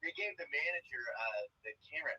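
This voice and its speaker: A man talking casually over a phone on speakerphone, picked up by a laptop mic, telling stories in a loose, rambling way with a husky voice. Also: on the high side, animated, quick pace, sharp tone, dull audio. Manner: loose, rambling storytelling with fillers. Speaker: comedian guest. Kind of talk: casual interview chat.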